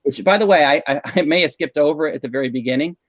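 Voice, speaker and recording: An instructional technology trainer leads a live online session for teachers, patiently walking through tools with frequent "um" fillers. His voice is fairly high and fast, recorded dry on a video call mic.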